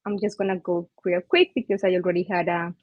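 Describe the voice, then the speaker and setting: A Colombian woman with a Colombian Spanish accent gives a friendly online user group presentation over a video call, using lots of fillers. Her voice is lowish and level, and she talks fast. The video call audio is dull and dry, with no room sound.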